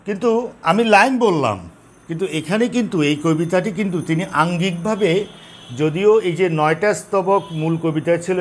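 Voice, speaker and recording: A man teaching a lesson on poetic meter, explaining patiently, repeating key terms and counting syllables slowly. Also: a little high. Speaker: Bengali literature teacher. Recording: faint background noise.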